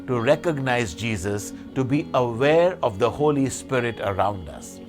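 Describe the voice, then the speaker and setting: Man preaching at a pulpit microphone. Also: mid-range voice. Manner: measured, phrase-by-phrase delivery with rhetorical questions and lists; slows and softens to a hushed guided meditation. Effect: speaking at a pulpit microphone. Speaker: priest. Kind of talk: sermon.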